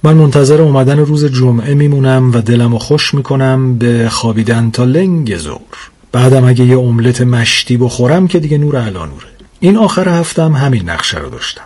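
Male comic storyteller, husky, dry and wry in delivery. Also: mid-range voice. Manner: wry, deadpan complaining. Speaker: narrator. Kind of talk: comic first-person storytelling.

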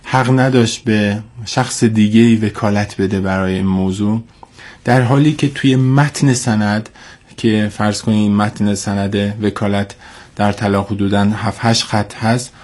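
A man's voice: on the low side, steady tone, a little mellow. A man with a cold and a congested, stuffy nose, speaking formally and hesitantly as an expert guest in a radio interview, repeating points for emphasis. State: has a cold.

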